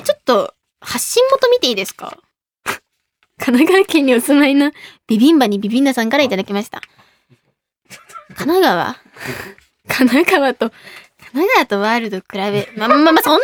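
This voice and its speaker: A young woman hosting a casual radio show, giggly and excitable as she reads listener emails. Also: sits high. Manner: giggly, excitable, playful self-mockery. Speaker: radio host.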